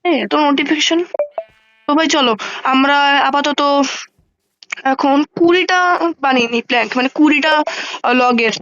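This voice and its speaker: Woman, high voice, casual gameplay commentary, chatty, counts out loud, dull lo-fi mic. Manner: chatty, thinks aloud and counts blocks out loud; quick exclamations and mild swearing when surprised. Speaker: gaming channel host.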